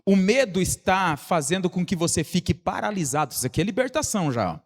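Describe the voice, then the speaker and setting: A fairly high-pitched Brazilian man preaches a sermon in a church hall. His voice trails off into a long reverb. He swings between emphatic raised lines and slow, hushed ones, repeating rhetorical questions to the congregation. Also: expressive. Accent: Brazilian Portuguese. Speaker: pastor.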